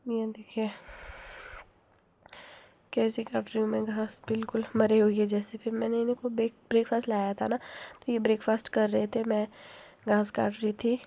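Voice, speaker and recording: A woman's voice: a little high, completely flat delivery, normal speed, gravelly, pauses often, warm tone. A young woman narrating her day for her vlog in a chatty, rambling way, laughing now and then. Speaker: vlogger.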